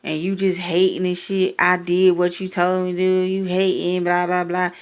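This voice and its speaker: A woman's voice: on the low side, moderate pace, clear, resonant tone. A young woman telling a personal story in a casual, profane and sarcastic rant, acting out the exchanges. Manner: profane, sarcastic, animated retelling with quoted exchanges.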